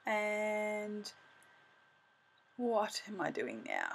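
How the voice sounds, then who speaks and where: A woman's voice: mid-range voice, big pitch swings, very slow, creaky, breathy edge. A middle-aged woman casually narrating her scrapbooking as she works, thinking aloud and correcting herself as she goes. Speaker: craft video host.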